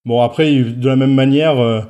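A man on a podcast with a mellow, darker tone, joking through grim material in a dry, mock-serious way. He hesitates often, filling gaps as he goes. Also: medium pitch, steady tone, moderate pace, clear, resonant tone, highs cut off. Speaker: podcast co-host.

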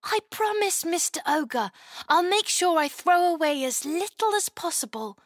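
A woman's voice: very high voice, expressive, unhurried, no room sound, clean studio sound, pitched above the performer's own voice. A woman voicing a curious, eager little girl asking wondering questions.

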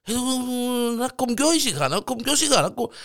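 Tired pleading neighbor with a Cypriot accent, high and groaning, put on by a man telling a joke. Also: big pitch swings, fairly bright tone, exaggerated voice. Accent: Cypriot Greek. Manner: whiny, pleading, groans and sighs. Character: fed-up middle-aged male neighbor, sleepless and pleading.

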